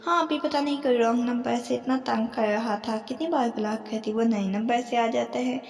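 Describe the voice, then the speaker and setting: A woman's voice: fairly high pitch, fairly even intonation, gravelly, a little mellow. A woman voicing an affectionate, trusting young woman who speaks sweetly and earnestly. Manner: sweet, pleading. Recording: echoey room with long reverb.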